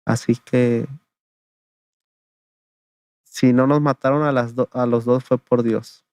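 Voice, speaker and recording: A man tells his own story in an interview. His voice is gravelly, with little rise and fall in pitch. The sound is dry and close. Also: takes it slowly, no room sound. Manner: gravelly, flat storytelling, often adding "le digo" and "¿verdad?". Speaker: interview guest giving testimony. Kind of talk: conversational testimony.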